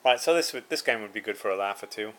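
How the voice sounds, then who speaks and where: A man's voice: on the low side, lively intonation, fast, fairly bright tone, low-quality recording. A man casually reviewing a card game, reading card names aloud with dry asides and chuckles.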